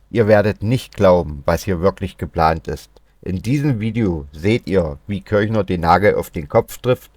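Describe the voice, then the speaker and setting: A man's voice: fairly low pitch, dry recording. A man introducing a video to his viewers in a hyped, scripted way. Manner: hyped, addressing viewers directly. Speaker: video channel presenter.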